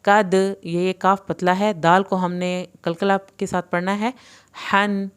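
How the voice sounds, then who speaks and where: Clear-voiced woman teaching Quran recitation. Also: lowish voice, little pitch movement. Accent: Urdu. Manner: clear explanations alternating with slow drawn-out recitation. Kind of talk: tajweed lesson, explaining and reciting.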